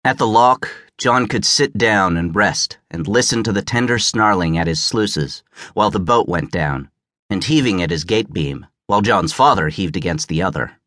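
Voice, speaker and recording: Low-voiced man narrating an audiobook. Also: lively intonation, moderate pace, a bit bright, no echo, studio quality. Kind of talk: scripted narration. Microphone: close studio mic.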